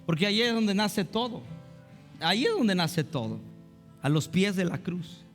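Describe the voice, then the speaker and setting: High-voiced fervent male preacher. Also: very animated, a little slow. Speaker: pastor. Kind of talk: sermon. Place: church service. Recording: reverberant hall with soft guitar.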